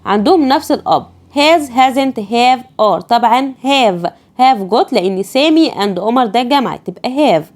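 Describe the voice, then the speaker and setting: Egyptian lady english teacher going over exam questions, highish voice, arabic speaker. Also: expressive, darkish tone. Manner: reads English items slowly, explains quickly in Egyptian Arabic. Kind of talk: exam review lesson.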